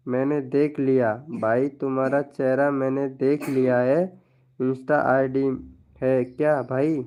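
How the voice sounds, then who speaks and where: Slow-talking man on a live stream. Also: mid-range voice, a little mellow, clean tone, highs cut off. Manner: chatty, slow, reading out viewer names. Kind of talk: casual live-stream chat with viewers.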